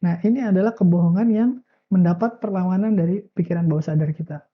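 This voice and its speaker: A woman giving a relaxed, casual motivational talk, full of filler words and drawn-out "eee" hesitations. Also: on the low side, dull audio. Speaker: self-improvement speaker.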